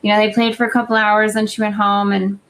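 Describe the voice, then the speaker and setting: A woman's voice: medium pitch, level tone, quick pace, a bit bright. A woman in her thirties, co-hosting a podcast, chatting casually over a remote call and often restarting her sentences. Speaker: podcast co-host. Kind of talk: casual chat.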